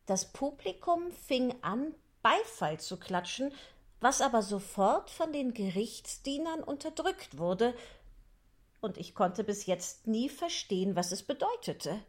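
A man's voice: extremely high pitch, big pitch swings, measured pace, full character voice. A man voicing a polite but bold young girl in a storybook reading, in a prim, earnest tone. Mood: musing.

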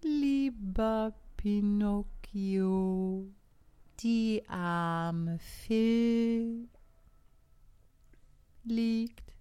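A woman voicing a slow, kindly female snail in a storybook reading, stretching every word. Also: medium pitch, dark tone, clean tone, voice pushed up. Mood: drawling. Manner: drawn-out, sluggish speech.

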